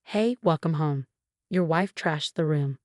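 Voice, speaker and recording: A woman's voice: low-pitched, a little slow, a little mellow, no echo, studio quality. A woman reading the lines of a lazy, bullying brother-in-law who mocks and orders people around. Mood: mocking. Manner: mocking, bossy.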